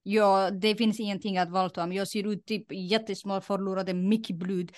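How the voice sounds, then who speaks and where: Somali-born woman, halting, close and dry. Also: mid-range voice, level tone, no room sound. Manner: plain, halting retelling with many fillers and reenacted quotes. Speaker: guest. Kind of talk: personal testimony interview.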